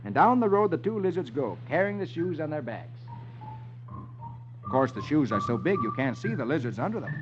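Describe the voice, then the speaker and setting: A man with a fairly quick, higher-pitched voice hosts a 1950s children's radio show, reading stories from the funny pages in an animated, theatrical way. The old radio recording is muffled, with music playing behind him.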